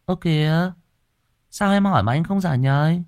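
A man's voice: moderate pace, darkish tone, clean tone, dry recording, studio quality, lightly acted. A man voicing an anxious wife pleading with her husband in a raised, strained voice. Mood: worried. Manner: pleading, high-pitched.

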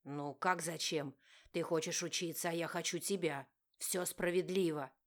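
A woman's voice: lowish voice, fairly even intonation, normal speed, natural voice. A growling, domineering husband, voiced by a woman. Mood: menacing. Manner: growling, shouting, menacing. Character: angry domineering young husband, man.

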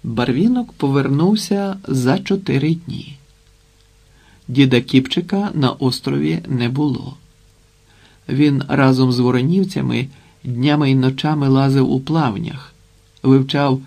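Man reading an audiobook in a gravelly voice. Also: medium pitch, a little mellow. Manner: measured storytelling. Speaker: audiobook narrator.

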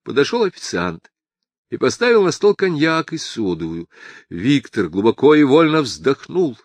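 Male audiobook reader, expressive, lively pitch, dry close recording. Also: moderate pace, dry recording. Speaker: audiobook narrator. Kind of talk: expressive literary narration.

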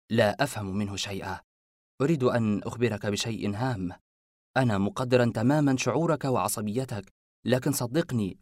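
Cold male torturer, read by the narrator: even mid voice, quiet dry menace. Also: mid-range voice, no echo, lightly acted.

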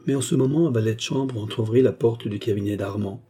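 A man narrating a novel as an audiobook in a measured, dramatic way. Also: lowish voice, dark tone, husky. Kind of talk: scripted narration.

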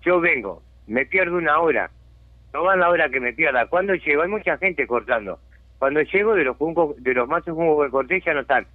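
A brisk, expressive Uruguayan man with a voice on the high side speaks over a dry, tinny phone line with no room sound. He has a chronic lung disease and speaks for his settlement community as a resident there. On this radio call-in interview he is indignant and insistent, regularly making sure he's been understood.

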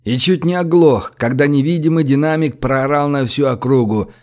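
A man narrating an audiobook, lively and acting out the dialogue. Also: a little high, moderate pace.

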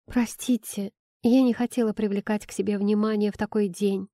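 A woman's voice: medium pitch, steady tone, moderate pace, dark tone, no echo, clean studio sound, close to an everyday voice. A woman voicing a sly young female palace steward who teases with mock innocence. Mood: plaintive.

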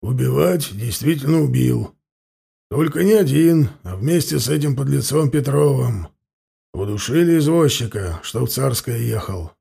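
Guy reading a grumpy robber, gravelly and husky, swinging all over in pitch. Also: lively intonation, moderate pace, warm tone, full character voice. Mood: confessing. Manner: blustering, indignant. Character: rough peasant robber, defiant and hot-tempered.

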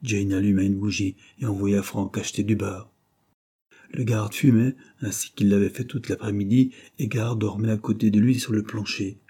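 A man with a lowish, husky voice narrates a classic novel at an even, measured pace. His tone is mellow and dark, a calm audiobook reading. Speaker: audiobook reader.

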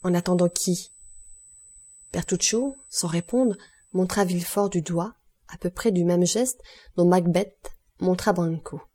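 Mellow low-voiced woman narrating a novel. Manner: clear, measured storytelling. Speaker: audiobook reader. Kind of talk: scripted narration.

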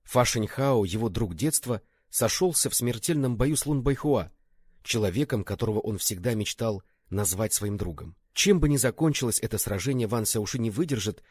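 Male narrator, low-pitched, husky, dry close sound, steady scripted storytelling. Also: dry recording. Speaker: audiobook narrator.

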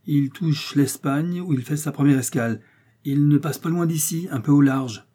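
A man's voice: fairly high pitch, normal speed, mellow, voice pushed up, natural voice. A man reading a storybook voices a plain-spoken boat skipper who boasts about his boat. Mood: matter-of-fact. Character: blunt middle-aged boat skipper, proud of his boat.

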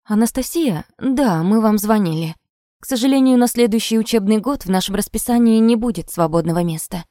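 A woman's voice: medium pitch, brisk, mellow, no room sound, clean studio sound, pitched above the performer's own voice, lightly acted. A woman reader voicing a polite school manager delivering bad news formally. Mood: formal regretful.

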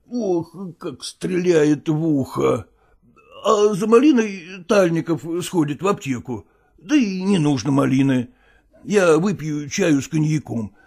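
A man reading an audiobook, voicing a middle-aged actor who pretends to be ill, groaning and slowly wheedling. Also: a little high, vocal fry, darkish tone, slightly rough, pitched above the performer's own voice, full character voice. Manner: groaning, drawn-out and slow, wheedling. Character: middle-aged male actor feigning illness, evasive.

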